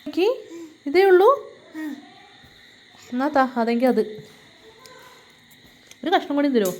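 A woman's voice: high-pitched, expressive, slow pace, warm tone. A mother who films and talks to her young children at home in a coaxing, affectionate, sing-song way. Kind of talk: casual home vlog, talking to her kids. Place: family home, indoors.

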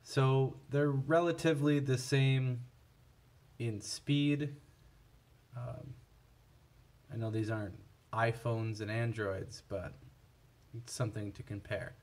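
A scanner seller's product reviewer compares gear on a tabletop, speaking slowly in a mid-pitched voice with a steady, darkish tone. His delivery is casual, unscripted, a bit halting and matter-of-fact.

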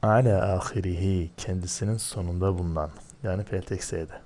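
A man teaching Arabic grammar, asking and answering his own questions, slowing down over each term. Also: low-pitched, steady tone, warm tone. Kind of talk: grammar lesson, explaining line by line.

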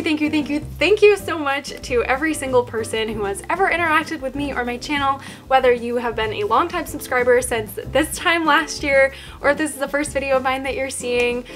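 A woman's voice: high-pitched, fairly bright tone. A young woman chatting to her channel's viewers in a casual vlog, bubbly, giggly and enthusiastic. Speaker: YouTube vlogger.

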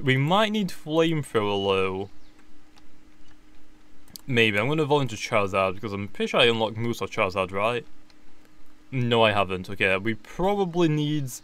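A man's voice: lowish voice, fairly bright tone. A man giving casual gameplay commentary, thinking aloud and correcting himself as he goes. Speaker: gaming YouTuber.

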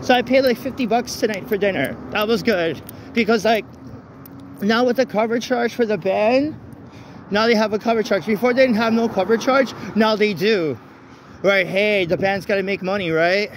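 A vlogger with a high voice walks along a street at night, rambling casually and haltingly into a handheld phone and often repeating his phrases. The noisy phone recording picks up traffic, passing vehicles and street ambience.

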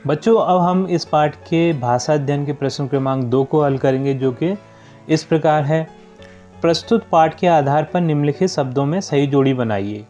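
A man's voice: on the high side, moderate pace, mellow, muffled recording, faint music behind. A young man teaching children, explaining a school worksheet step by step and repeatedly addressing his pupils. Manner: patient, keeps addressing children.

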